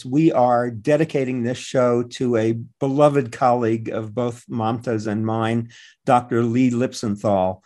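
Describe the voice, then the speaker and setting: A man's voice: medium pitch, a little mellow. A man hosting a radio talk show, addressing listeners and a guest.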